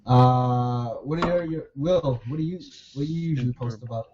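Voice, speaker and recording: A man in casual gaming podcast chat, halting with many restarts, laughing easily. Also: medium pitch, lo-fi sound, over music.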